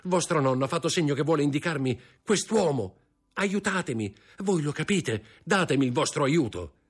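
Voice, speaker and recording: A man's voice: on the low side, expressive, brisk. A man voicing a desperate young nobleman who pleads and begs in an impassioned voice, in an audiobook reading of a novel. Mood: frantic.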